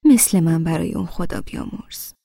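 A woman's voice: lowish voice, gravelly, warm tone, no echo, studio quality. A woman reading the part of a sweet elderly grandmother who talks hesitantly, stopping and starting, in an audiobook. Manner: hesitant, stops and restarts.

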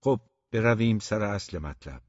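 A man's voice: on the low side, expressive, no echo, dull audio. A man reading the part of a guarded traditional father who answers curtly and dryly. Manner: curt and dry.

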